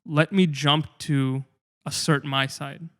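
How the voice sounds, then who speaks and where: A man's voice: a little high, little pitch movement, slow, a bit bright. A young man talking earnestly and reflectively in a casual discussion, with frequent fillers and restarts.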